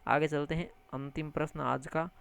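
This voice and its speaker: Gravelly-voiced man teaching exam prep. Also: on the high side, normal speed. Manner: animated, repeats key terms, calls listeners friends; mixes English words into lecture. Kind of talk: spoken exam-prep lesson.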